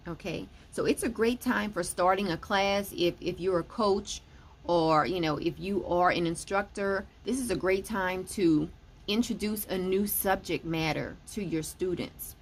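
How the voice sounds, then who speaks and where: A woman's voice: medium pitch, a little hiss or hum. A woman giving a casual weekly astrology and tarot forecast, explaining each point and often saying "okay" between them.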